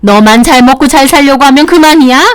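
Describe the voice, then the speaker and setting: A woman voicing a domineering middle-aged mother-in-law who scolds and shouts in a dramatized story reading. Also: sits high, fairly quick, voice pushed up, lightly acted. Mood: scolding.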